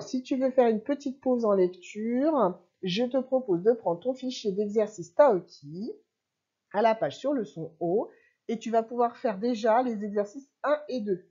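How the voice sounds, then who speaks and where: Teacher lady reading syllables out slow for little kids, husky mellow voice, bit muffled. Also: a little high. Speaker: primary school teacher. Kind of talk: remote reading lesson for young children.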